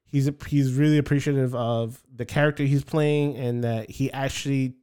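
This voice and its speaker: A man's voice: mid-range voice, steady tone, normal speed, dark tone, smooth. A man in casual chat who tells stories eagerly, trailing off into fillers.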